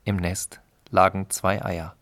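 A man's voice: sits low, flat delivery, takes it slowly, fairly bright tone. A man narrating a story in a dry, wry reading style. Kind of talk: audiobook reading.

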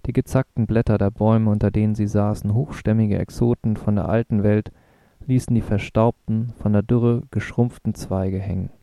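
Man reading a story, dark and gravelly. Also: fairly low pitch, level tone, normal speed, dry recording, studio quality. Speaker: narrator. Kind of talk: audiobook reading.

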